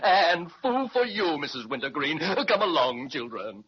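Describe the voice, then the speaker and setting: An actor voicing a polite, easily flustered patchwork quilt dragon with a breathy voice in an old radio serial. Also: male voice, fairly high pitch, sing-song, measured pace, slight background noise. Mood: genteel. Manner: genteel, flustered. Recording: muffled 1930s radio transcription.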